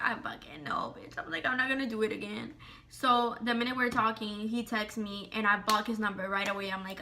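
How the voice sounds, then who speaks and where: A woman vlogger telling a storytime in casual, profane, rapid speech, acting out the dialogue. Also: medium pitch. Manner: profane, rapid, animated retelling with quoted dialogue.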